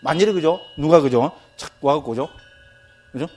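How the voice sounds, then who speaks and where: A man's voice: on the high side, normal speed, husky, soft background music. A male Buddhist monk giving a doctrine lecture. He keeps checking in with his listeners after almost every phrase and tells graphic examples with sound words. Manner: lively, tags nearly every phrase with a check-in question to the listeners.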